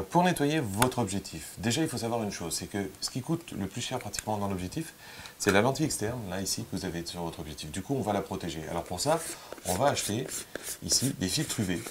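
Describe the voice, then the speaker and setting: A man teaching photography, talking viewers through a hands-on cleaning demonstration in a relaxed, chatty way with frequent hesitations. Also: sits low, slight background noise.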